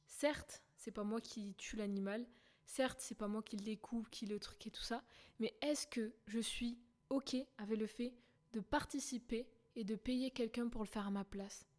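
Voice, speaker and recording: A woman's voice: a little high, steady tone, unhurried, a little mellow. A young woman hosting a podcast, talking in a casual, earnest monologue with frequent fillers and restarts. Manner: chatty and earnest, frequent fillers and self-repeats. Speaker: podcast host.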